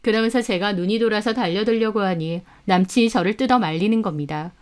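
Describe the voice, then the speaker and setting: A woman's voice: medium pitch, a little fast, darkish tone. A woman with a mid-range voice narrates a first-person story. She tells it in an indignant, dramatic way, as if recounting a betrayal to listeners.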